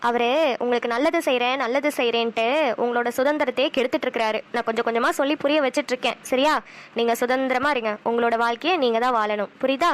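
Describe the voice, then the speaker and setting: A woman voicing a sharp-tongued but loving village mother with a Kanyakumari Tamil accent, who talks briskly and snaps back quickly. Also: on the high side, fairly even intonation, close to an everyday voice. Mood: storytelling. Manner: brisk, chatty, quick retorts.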